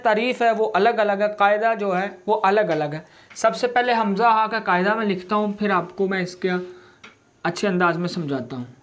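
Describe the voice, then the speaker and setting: A male recitation teacher talks through his lesson at an unhurried, measured pace. He has a rather high voice and lingers on each sound so learners can copy it. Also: a bit bright. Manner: slow, deliberate, drawing out each sound to demonstrate it. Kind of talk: step-by-step lesson.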